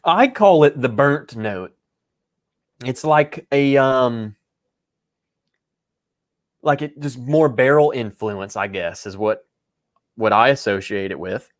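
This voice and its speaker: A man's voice: mid-range voice, lively intonation, slow, pauses often. A man hosting a casual live whiskey tasting, joking and rambling as he chats with viewers. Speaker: whiskey livestream host. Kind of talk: casual livestream tasting chat.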